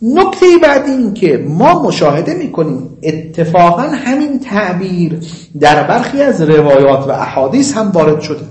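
A man lecturing on religious law, reciting Arabic passages slowly and explaining them in quick, conversational asides. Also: sits high, sing-song, darkish tone, roomy sound. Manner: slow chanting of quoted Arabic, quick asides. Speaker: seminary lecturer.

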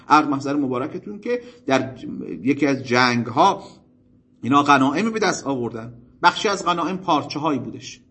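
A man giving a religious lecture to seminary students, telling stories in a formal, animated way with polite asides to his listeners. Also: on the high side, husky.

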